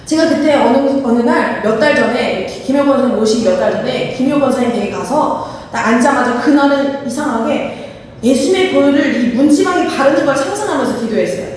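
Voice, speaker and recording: A woman's voice: high-pitched, fairly quick, a little mellow. A woman pastor preaching a fervent sermon and calling for responses from the congregation. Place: church sanctuary. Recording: echoey church hall from far off.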